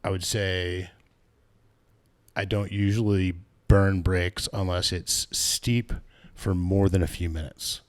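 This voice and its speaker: A man's voice: deep voice, flat delivery, takes it slowly. A man co-hosting a casual podcast, talking in a rambling way, often correcting himself and laughing at his own stories. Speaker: podcast co-host, bike shop staff. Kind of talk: casual chat.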